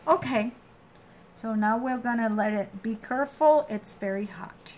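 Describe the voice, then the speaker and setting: A craft tutorial host with a slightly high, a little mellow voice explains each step of a project at a very slow pace. Her talk is casual and halting, often trailing off and starting again, with a little hiss or hum in the audio.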